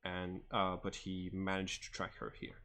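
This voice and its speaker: A man's voice: deep voice, completely flat delivery, moderate pace, gravelly, pushed and bright. A man running a tabletop game as game master, hesitant, with many fillers and restarts.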